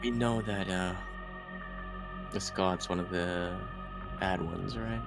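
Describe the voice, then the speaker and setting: Low, gravelly, slow-talking man. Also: fairly even intonation, over music. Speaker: tabletop game player. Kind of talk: casual game chat and improvised role-play.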